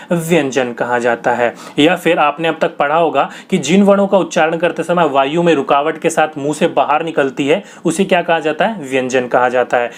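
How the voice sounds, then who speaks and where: A young man teaching a grammar lesson for exam prep, asking questions and answering them himself in a patient, repetitive way. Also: fairly high pitch.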